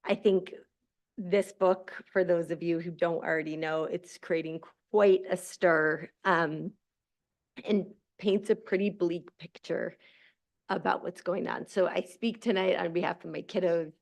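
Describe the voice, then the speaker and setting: A nervous woman in her forties with a shaky voice, giving a halting public comment at a school board meeting, full of fillers and restarts. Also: fairly low pitch, fairly even intonation, creaky. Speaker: public commenter, social worker and mother.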